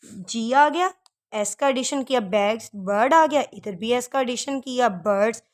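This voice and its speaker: A woman teacher giving a recorded English lesson, patiently drilling word endings by repeating each word slowly. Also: fairly high pitch. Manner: patient, calls the learner "beta", drills words by repeating them slowly.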